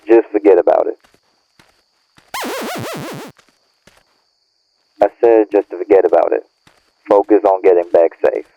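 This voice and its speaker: In an audio roleplay, a man with a lowish voice plays a bitter, irritated young friend, scolding in profane slang, annoyed. A phone or radio filter gives a narrow, tinny, phone-like band, with slight background noise.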